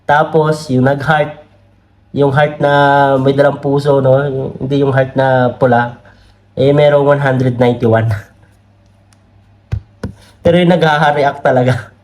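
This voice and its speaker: A man's voice: mid-range voice, fairly even intonation, unhurried, long pauses, darkish tone. A man with a Filipino accent giving casual political commentary, chatty and laughing often, reading comments aloud. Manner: chatty, laughs often, many tag questions; reads comments aloud from screen. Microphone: camera mic.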